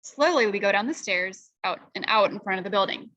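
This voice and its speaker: A woman reads a novel aloud for students and stops now and then to explain a phrase. Her voice is bright and clear, close to the mic in a dry space. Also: mid-range voice, lively intonation, fairly quick, dry recording, lo-fi sound. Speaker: reader.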